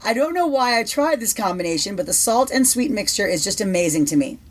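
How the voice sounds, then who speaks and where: A woman co-hosting a casual podcast, giving prepared answers in a measured, steady way. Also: mid-range voice. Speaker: podcast co-host.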